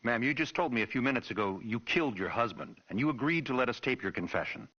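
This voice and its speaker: An actor playing a stern, skeptical American police chief who speaks bluntly and officially in a taped game interview. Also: male voice, medium pitch, lively intonation, fast, husky. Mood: skeptical, impatient. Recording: dull, muffled old tape recording.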